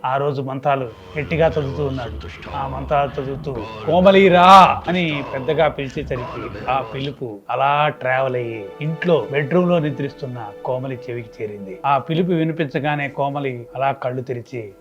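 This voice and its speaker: A man's voice: medium pitch, fairly quick. Dramatic male storyteller, lo-fi with music. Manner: dramatic, rising and falling in loudness. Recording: dull lo-fi with music behind. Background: background music.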